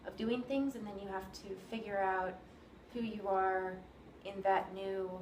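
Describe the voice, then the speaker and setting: A woman conducts an interview, asking gentle, curious questions and encouraging her guest with soft affirmations. Her voice is roomy and echoey, with background noise clearly audible. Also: mid-range voice, steady tone, a little slow. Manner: attentive, asks gentle questions, frequent soft backchannels. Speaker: interviewer, violinist. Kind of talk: casual interview. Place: room in New York.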